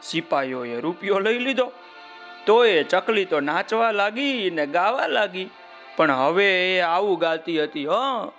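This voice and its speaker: A man telling a folk tale to children, slow and expressive, often turning to address his young listeners. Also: sits high, faint music behind. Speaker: children's storyteller. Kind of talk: storytelling for children.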